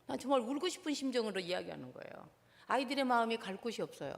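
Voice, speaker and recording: A high, very lively woman's voice, rising and falling sharply as she lectures with passion in a church hall. She keeps turning to her audience with questions. A long reverb trails after each phrase. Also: quick pace, creaky. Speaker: seminar lecturer, professor.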